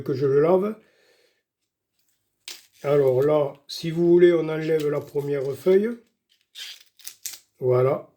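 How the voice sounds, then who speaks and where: Older male home cook, folksy and chatty, high pitch, warm dark tone. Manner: chatty, folksy, keeps saying "voilà" and "doucement". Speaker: home cook showing a recipe. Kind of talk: casual cooking demonstration.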